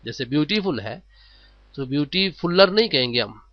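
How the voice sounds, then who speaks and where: A man teaching a grammar lesson, explaining in Urdu and drawing out the English phrases slowly. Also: on the high side, expressive, no echo, dull audio. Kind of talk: classroom-style lesson.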